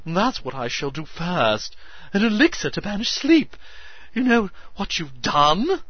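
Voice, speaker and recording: A man voicing a skinny, eccentric male alchemist who talks in a shrill, piping, hysterical gush. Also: very animated, measured pace, breathy edge, no echo, lo-fi sound, exaggerated voice. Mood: hysterically excited. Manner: hysterical, breathless, gushing.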